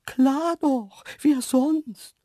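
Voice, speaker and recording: A storyteller voicing two cheeky, teasing invisible antelopes in a high, sly, whispery voice. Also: drawn-out words, dark tone, no echo, clean studio sound. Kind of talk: audiobook storytelling.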